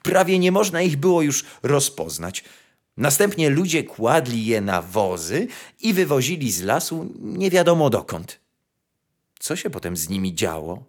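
A man reading a fairy tale aloud with expressive, sing-song storytelling. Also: mid-range voice, measured pace. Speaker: narrator.

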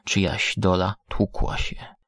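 A man reading a story aloud as scripted audiobook narration, measured and deliberate. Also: low voice, level tone, fairly bright tone, husky, dry recording, studio quality.

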